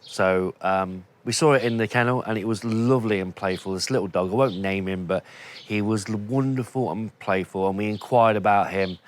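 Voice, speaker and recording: A man's voice: on the low side, normal speed, slight background noise. Nasal man with a head cold. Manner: relaxed, rambling with many fillers. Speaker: vlogger. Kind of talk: casual vlog to camera.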